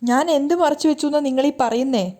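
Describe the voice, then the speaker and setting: A woman's voice: high voice, brisk, dark tone, voice pushed up, natural voice. A woman voicing a tearful pleading young wife. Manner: pleading, upset.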